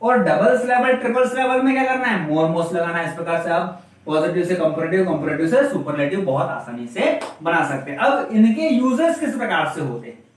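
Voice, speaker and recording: High-voiced man teaching in an echoey classroom. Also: expressive, a little fast. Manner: asks the class questions and answers them himself. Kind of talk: classroom grammar lesson. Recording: very echoey room, voice from a distance.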